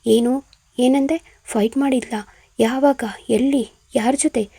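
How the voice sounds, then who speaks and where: A woman's voice: high voice, fairly even intonation, takes it slowly, vocal fry, mellow, breathy edge, no room sound, heavily acted. A woman voicing a doting middle-aged mother who is tearful and scolding. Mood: stern questioning. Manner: emotional, scolding.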